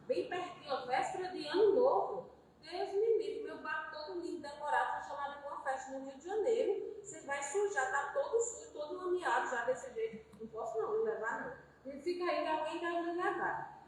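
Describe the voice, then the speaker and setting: Fussy, disdainful Vanity, voiced by a woman, turning her nose up at a plea in a high voice. It is recorded far from the mic in a very echoey hall over steady noise. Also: brisk. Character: vain fussy Vanity, proud of its finery.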